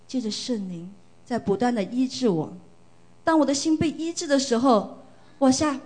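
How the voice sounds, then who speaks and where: A middle-aged woman from China tells her story at a church service in a fairly high voice. She speaks earnestly and with feeling, and often repeats a phrase to stress it. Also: a little mellow. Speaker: church member giving testimony. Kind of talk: church testimony.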